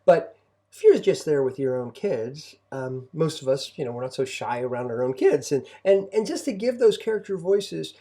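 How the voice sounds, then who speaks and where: A middle-aged man, a co-host and homeschooling parent, gives advice in casual conversation, sounding reflective and encouraging. His voice is a little high, animated and warm, at a normal speed.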